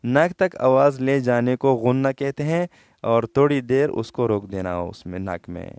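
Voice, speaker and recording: Man, Pakistani Urdu accent, Quran recitation teacher, resonant clear voice, explanatory lesson. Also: a little mellow, no echo, clean studio sound. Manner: patient, checks understanding, drops low at phrase ends; slow melodic recitation in the passages he reads out.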